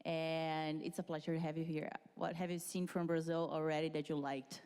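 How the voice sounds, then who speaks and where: Woman hosting a stage chat, bit low voice, stumbles and restarts a lot, echoey hall. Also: level tone, normal speed, darkish tone, smooth. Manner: hesitant, many fillers and restarts. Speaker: moderator. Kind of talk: conference fireside chat. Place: conference stage.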